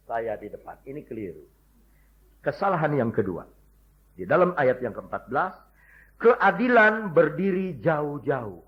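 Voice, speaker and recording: A man preaching a lively sermon full of humorous stories, jumping from loud shouts to hushed asides and acting out the people he quotes. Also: fairly high pitch. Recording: dull lo-fi recording.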